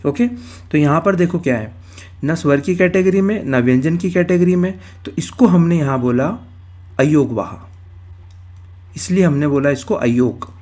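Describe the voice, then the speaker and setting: A man with a fairly high voice teaches grammar in a recorded exam-prep lecture. He moves step by step, says each key term more than once, and poses questions that he then answers himself. He talks close to the microphone. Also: normal speed, a little mellow. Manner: explains step by step, repeats terms, asks and answers his own questions.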